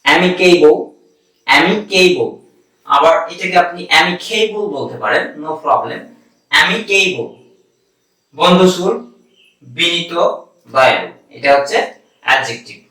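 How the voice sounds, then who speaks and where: A man with a Bangladeshi accent teaching an online English pronunciation class. He says each word slowly several times and then gives its meaning. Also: a little high, expressive, sharp tone, very echoey, far from the mic, poor audio. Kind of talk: online language lesson.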